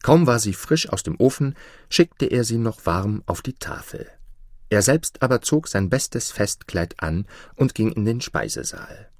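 A male storyteller reading a fairy tale with an expressive, animated melody. His voice is on the low side and he takes his time, recorded dry and close. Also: a little slow, no room sound.

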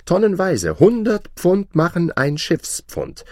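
A man voicing a group of boastful wealthy English gentlemen, loud and eager. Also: sits high, wildly swooping pitch, slow pace, dry recording, clean studio sound, voice pushed up, full character voice.

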